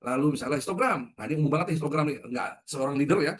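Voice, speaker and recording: A man's voice: on the high side, lively intonation, rapid-fire. A middle-aged man giving a leadership webinar in a conversational way, often putting questions to his audience. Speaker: leadership trainer. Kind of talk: webinar talk.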